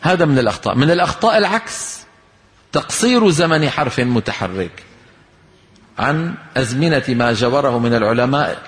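A man's voice: mid-range voice, animated, brisk, pauses often. A man teaching a tajweed lesson, explaining rules, quizzing his class and chanting short examples. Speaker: Quran recitation teacher. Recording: long hall reverb.

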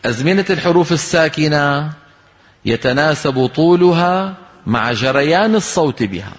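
A man's voice: on the high side, expressive, moderate pace. Man teaching recitation in a hall. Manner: explains then asks the class questions, chants short examples. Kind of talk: tajweed lesson with recited examples. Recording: long hall reverb.

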